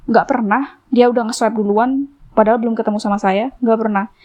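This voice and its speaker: A woman's voice: steady tone, fairly quick, dark tone, dull audio. A woman, hosting a podcast and casually telling a story to her listeners. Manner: chatty, acts out quoted exchanges in a higher voice. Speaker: podcast host.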